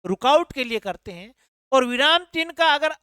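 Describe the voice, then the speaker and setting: A woman's voice: high voice, expressive, moderate pace, bright, forceful tone, no echo, clean studio sound. A woman exam tutor working through answer-key questions, explaining each one and repeating answers back as questions.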